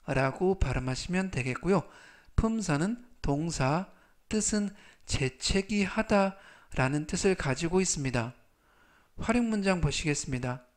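A man teaching English vocabulary with a Korean accent, repeating each word three times and reading example sentences slowly and deliberately. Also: fairly high pitch. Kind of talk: slow, deliberate vocabulary lesson.

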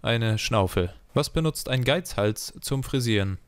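A man reading a string of one-liner jokes in a deadpan question-and-punchline rhythm, slowing down for each punchline. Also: medium pitch, clear, resonant tone, no room sound. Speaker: joke teller.

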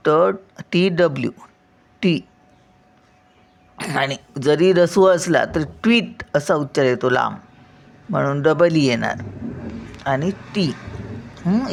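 Patiently checking that her listener keeps up, an older woman breaks words into syllables during a spelling lesson. Her voice is deep and creaky.

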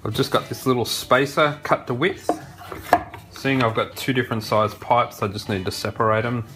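A man, a woodworking host who explains a project in a relaxed, chatty way with fillers. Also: mid-range voice, moderate pace, heavy background noise. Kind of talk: casual how-to narration. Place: large home workshop, indoors. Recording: roomy workshop sound, mic at a distance, music under the voice. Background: background guitar music.

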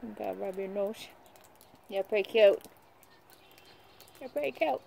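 Here a horse-training vlogger in her twenties talks to her phone camera, held at arm's length, out by the barn and paddock, stopping now and then to speak affectionately to her horses. She has a mellow, creaky, mid-range voice and keeps a measured pace. It's relaxed vlog chatter with some voice-over.

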